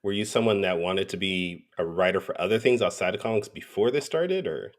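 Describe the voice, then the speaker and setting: A man's voice: sits low, lively intonation, a little fast. A man hosting a podcast, asking his guest questions in an easygoing way. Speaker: podcast host. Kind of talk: casual podcast chat.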